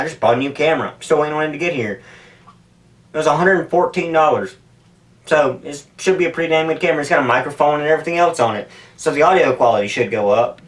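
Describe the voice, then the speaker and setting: Sitting in an ice bath at home, a YouTuber who makes stunt videos rambles casually to the camera, candid and profane, drifting between thoughts. His voice is a little high and a bit bright. The audio is distant, picked up off-mic by the camera.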